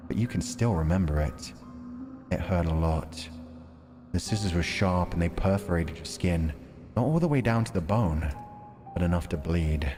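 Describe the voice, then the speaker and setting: Reading a visual novel aloud on a livestream, this male game streamer uses a very low voice and a measured, deliberate storytelling delivery. The dramatic narration is mixed with casual stream chat, with music underneath and long reverb on the recording.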